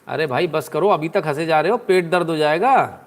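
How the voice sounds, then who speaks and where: A man's voice: fairly high pitch, normal speed. Sarcastic man with a raised voice. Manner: sarcastic, chatty, answers viewer comments. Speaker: live stream news commentator. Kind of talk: live streaming political commentary.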